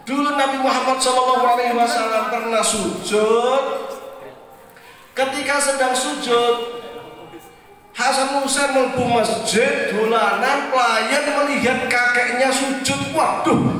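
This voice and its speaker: A man with a Javanese accent preaching a sermon in a mosque, animated and acting out prayers and voices. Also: very high-pitched, a little slow. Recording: echoey hall, far from mic.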